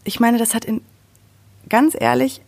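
A woman's voice: fairly high pitch, flat delivery, unhurried, vocal fry, darkish tone. A woman chatting casually and frankly on a podcast, voicing firm opinions.

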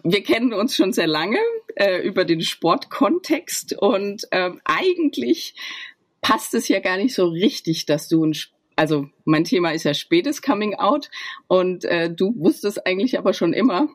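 A woman's voice: mid-range voice, animated, unhurried. A woman hosting a podcast, chatting in a casual, upbeat way and often laughing. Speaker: podcast host. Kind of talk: casual interview chat.

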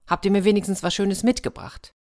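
A woman's voice: mid-range voice, fairly even intonation, a little fast, darkish tone, voice pushed up, lightly acted. A woman voicing an old mother star who fusses over her children and scolds them. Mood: scolding. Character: old mother star, caring then stern.

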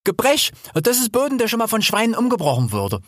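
A bright, high-voiced young wild sow bubbles along, teasing and chatty, as a man puts her on. Her voice leaps all over the place. The reading is dry and close, with no room around it. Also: wildly swooping pitch, brisk, no echo, exaggerated voice.

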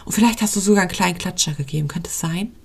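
A woman's voice: fairly low pitch, racing, creaky, slightly rough. A woman coaching on intuitive eating in a podcast monologue, earnest and pleading as she speaks straight to the listener.

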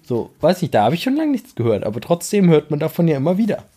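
Mellow-voiced German man, hesitant chat. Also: a little high, wildly swooping pitch, quick pace, slightly rough. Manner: hesitant, many restarts and fillers. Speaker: podcast co-host. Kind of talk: casual debate chat.

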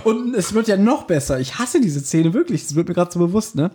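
A man's voice: high-pitched, fairly quick, slight background noise. A man co-hosting a podcast, chatting casually and animatedly about a radio play, often laughing and acting out scenes. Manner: animated, laughing, quoting scenes in put-on voices. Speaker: podcast co-host.

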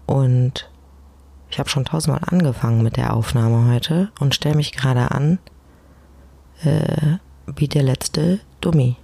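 At a measured pace, a woman with a rumbling low, creaky, dark and slightly rough voice hosts a solo podcast from home. The recording is dry and close-miked, and her talk is casual, chatty, informal and self-deprecating.

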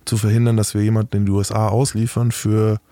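A man's voice: fairly low pitch, level tone, fast, warm tone, dry recording, studio quality. A middle-aged man speaking as an interview guest, talking frankly and matter-of-factly in a casual interview.

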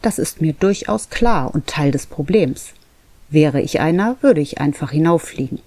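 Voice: mid-range voice, animated, moderate pace, darkish tone, dry recording, close to an everyday voice. A reader voicing a thoughtful young cat who longs to climb a church roof, earnest and a little defensive, in an audiobook. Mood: dry. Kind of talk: audiobook reading.

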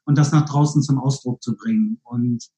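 A man from northern Germany, a podcast guest, speaking in a calm, measured way with dry humor. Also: mid-range voice, roomy sound. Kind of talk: casual interview talk.

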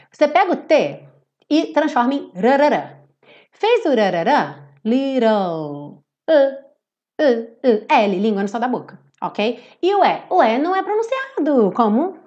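A Brazilian woman teaching English pronunciation on a livestream, playful, drawing out words slowly to demonstrate them. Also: a little high. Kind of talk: live-streamed pronunciation lesson.

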